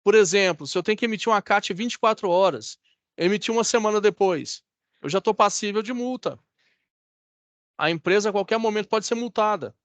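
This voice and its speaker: A man's voice: high voice, fairly quick, a bit bright, no echo. A man with a Brazilian Portuguese accent teaching an online class over a video call, in a conversational way that keeps checking in with his students. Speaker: course instructor.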